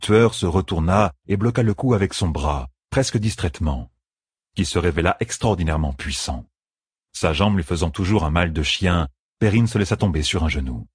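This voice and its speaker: Husky, deep-voiced male narrator. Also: lively intonation, normal speed, no echo, studio quality. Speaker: audiobook narrator. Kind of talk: scripted fantasy narration.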